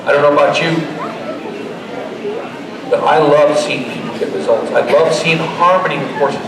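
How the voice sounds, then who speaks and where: A man's voice: fairly high pitch, fairly even intonation, moderate pace. Folksy showman in an echoey expo hall. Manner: folksy, joking, motivational showman. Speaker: horse trainer giving a live demo. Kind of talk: live demonstration and pitch to an audience. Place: large indoor horse expo arena. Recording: echoey expo hall, distant, crowd noise. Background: crowd.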